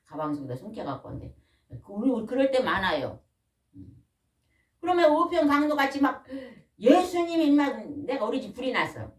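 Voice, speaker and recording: Older woman preacher, folksy and lively, recorded at a distance in an echoey hall. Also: high-pitched, normal speed. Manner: folksy, animated, asks the congregation questions. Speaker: pastor's wife preaching. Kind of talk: sermon. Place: church hall. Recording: echoey room, mic at a distance.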